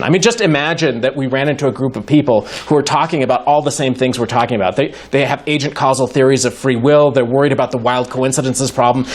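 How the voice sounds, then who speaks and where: A man giving a university lecture to a live audience in a hall, wry and joking, thinking aloud with frequent restarts. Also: mid-range voice. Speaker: guest lecturer in philosophy.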